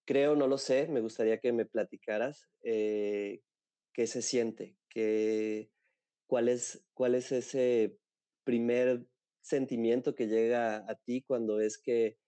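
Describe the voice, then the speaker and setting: A man's voice: mid-range voice, fairly even intonation, slow pace, mellow, dry recording. A man with a Mexican accent interviewing, asking long questions full of fillers and restarts. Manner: hesitant questions with many fillers.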